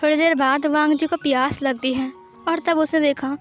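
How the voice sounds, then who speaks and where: A woman narrating a fan story in a high, bright voice. She tells it in a plain, steady way, dropping English words into her sentences. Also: moderate pace, soft background music. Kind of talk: retelling a fan story aloud.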